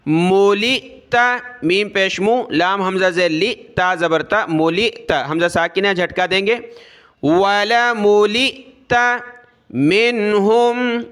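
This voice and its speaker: A man teaches Quran recitation one letter at a time, spelling out letters and vowel marks, explaining how to pronounce them, and slowly chanting the verses. His voice is high-pitched and a little bright.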